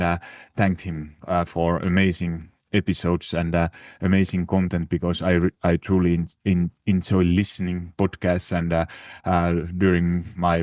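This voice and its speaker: A man's voice: low voice, a little mellow, dry recording, studio quality. A Finnish-accented man hosting his fitness podcast in casual, hesitant talk full of fillers and restarts. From Finland. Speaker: podcast host. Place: living in Italy.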